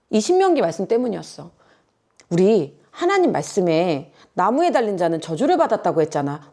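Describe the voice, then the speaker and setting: Woman, middle-aged, pastor, sermon, fairly high voice, very lively pitch, questions the congregation, mixes in English words.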